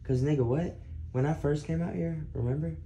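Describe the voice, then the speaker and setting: A man's voice: fairly high pitch, fairly even intonation, a little fast, mellow, slight background noise. A young man hosting a vlog in casual, slangy chat, swearing and laughing often. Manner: slangy, profane, laughs a lot. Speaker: vlogger host.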